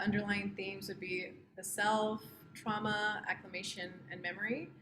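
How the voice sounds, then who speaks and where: Earnest young woman on a roomy call. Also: mid-range voice. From southern Texas, US. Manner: casual, earnest, many fillers. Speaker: artist presenting her work. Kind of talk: informal artist talk over video call. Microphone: computer mic on a video call. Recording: echoey room with background noise.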